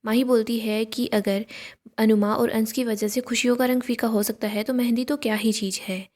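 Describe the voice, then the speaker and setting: A woman with a slightly high voice narrates a TV serial recap as a scripted story. Her delivery stays steady and even. She reads the characters' quoted lines in the same voice as the narration. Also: moderate pace.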